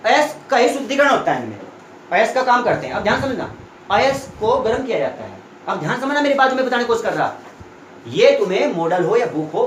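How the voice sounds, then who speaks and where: A young man with a high-pitched voice tutors students in a classroom, walking through chemistry step by step and often checking they're keeping up. The room sounds echoey, with slight background noise.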